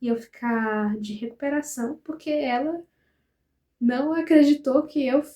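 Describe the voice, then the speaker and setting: Young Brazilian woman vlogger, animated storyteller, slightly high voice with a mellow tone. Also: moderate pace, reverberant. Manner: chatty, animated retelling with quoted dialogue and frequent tag questions. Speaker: psychology student vlogger. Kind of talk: casual storytelling vlog.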